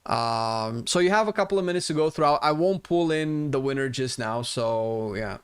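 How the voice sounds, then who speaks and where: A man's voice: mid-range voice, animated, moderate pace, smooth. A man chatting informally on a live game stream, talking to viewers with the odd swear word. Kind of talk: casual live-stream chat while gaming. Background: faint game music.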